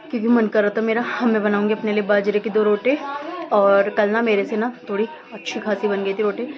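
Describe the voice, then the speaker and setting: Cooking and showing her day at home, a home vlogger in her thirties chats casually, rambling and making fun of herself. Her voice sits at medium pitch, and the highs are cut off.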